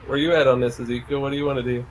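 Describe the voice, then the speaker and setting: A man's voice: mid-range voice, little pitch movement, very fast, a little hiss or hum, rough recording. A man working as game master, casually narrating a tabletop game and asking players for their moves.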